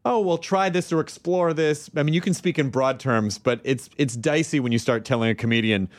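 A man hosting a podcast, talking in an animated, joking way. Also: a little high, a little fast. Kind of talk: casual podcast conversation.

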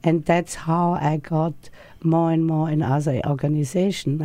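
A woman's voice: deep voice, dark tone, no room sound. A woman, talking as an interview guest in a rambling way, full of fillers and restarts. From Austria. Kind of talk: casual interview conversation.

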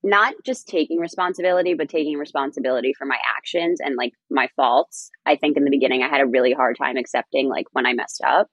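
A young woman talking casually as a podcast guest, her voice low and husky. She chats with many "like" fillers, and the sound is dry and close. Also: quick pace, hardly any pauses, no echo, lo-fi sound. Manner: chatty, many "like" fillers, animated storytelling. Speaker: podcast guest, personal assistant.

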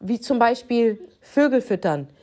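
A woman co-hosting a podcast, telling a story in a lively, animated way, using crude street slang and acting out what people said. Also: on the high side, a little slow. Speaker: podcast co-host.

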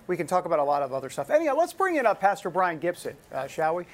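A man's voice: high-pitched, huge pitch swings, rapid-fire. A man hosting an opinionated political talk show in a punchy, teasing manner, repeating himself and asking rhetorical questions.

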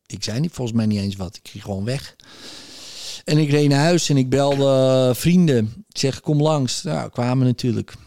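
A man in his forties tells candidly of his past addiction, halting and full of fillers. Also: medium pitch, dark tone, dry recording, studio quality. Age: 40s. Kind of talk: personal story about recovering from addiction.

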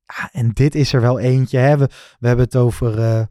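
Male co-host, animated and chatty, mellow tone, dry close mic. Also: medium pitch, brisk, no echo. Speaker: podcast co-host. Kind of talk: casual football chat.

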